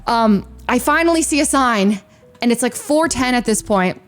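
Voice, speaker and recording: A young woman streamer casually telling a story, acting out her own lines with sudden high-pitched bursts. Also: animated, normal speed, soft background music.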